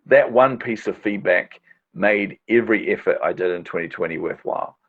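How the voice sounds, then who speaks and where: A man's voice: lowish voice, normal speed. A middle-aged man, a podcast host and marketing strategist, telling stories as a guest in a casual interview, enthusiastic and chatty with frequent fillers. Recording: dull lo-fi audio.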